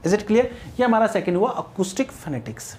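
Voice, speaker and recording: A man's voice: sits high, very animated, slow, darkish tone. A male teacher with an Indian English accent, giving an exam-prep phonetics lecture in Hindi mixed with English, explaining patiently and often checking that students follow.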